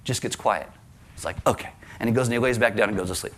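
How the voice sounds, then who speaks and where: A middle-aged man preaching a sermon in a conversational, animated way, acting out quotes and adding asides. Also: fairly low pitch, very fast. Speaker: pastor.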